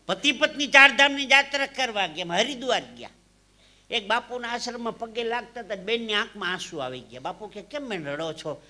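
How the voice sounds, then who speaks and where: A man from Saurashtra, telling comic stories live on stage into a microphone. His delivery swings from hushed asides to loud punchlines. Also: high voice, animated, brisk. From Saurashtra, Gujarat. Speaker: stage comedian and storyteller. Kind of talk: live folk comedy storytelling.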